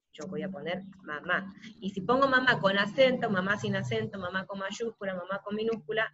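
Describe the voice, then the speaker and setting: A woman's voice: mid-range voice, pushed and bright. Teacher woman, lo-fi call audio. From Argentina. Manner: explanatory, often checks in with listeners. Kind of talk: live software tutorial over video call. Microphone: video call. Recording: dull lo-fi video call audio.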